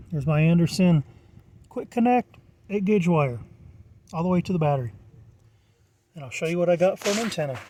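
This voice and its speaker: A middle-aged American hobbyist walks through something casually and unscripted, plain-spoken and matter-of-fact. His voice is high-pitched with a darkish tone.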